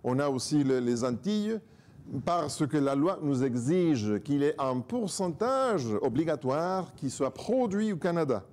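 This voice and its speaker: Here a guest preacher, a man whose native tongue is Spanish, jokes and teases himself through a church talk. His fairly high voice runs a little slow, yet he's animated and constantly in motion.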